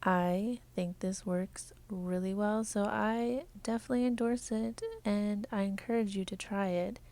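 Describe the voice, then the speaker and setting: A woman talks through a beauty tutorial in a soft, mellow voice-over. Her tone is warm and low-key, often slipping into a breathy half whisper. Some stretches are flat and measured, others quicker and more casual. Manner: flat and measured at first, then quicker and chattier. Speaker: beauty vlogger.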